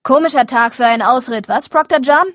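A woman's voice: a little high, normal speed, fairly bright tone, breathy edge, no room sound, studio quality. A woman reading the lines of a blunt, defiant eighteen-year-old young man in a storybook.

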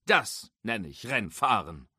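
A man voicing a gruff old male race car mentor who lectures sternly. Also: on the low side, very animated, slow pace, sharp tone, no room sound, clean studio sound, full character voice.

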